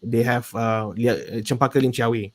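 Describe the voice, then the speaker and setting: A man's voice: mid-range voice, fairly even intonation, normal speed. A man with a Malaysian accent giving a casual explanation as a panel guest, often checking in with a "right?". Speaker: panel guest, business coach.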